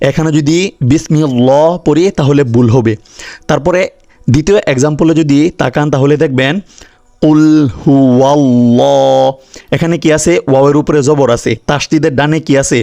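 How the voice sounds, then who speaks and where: A man teaching Quran pronunciation in a step-by-step lesson, who asks and answers his own questions and recites the examples slowly and melodically. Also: on the high side, steady tone, warm tone. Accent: Bangladeshi Bengali.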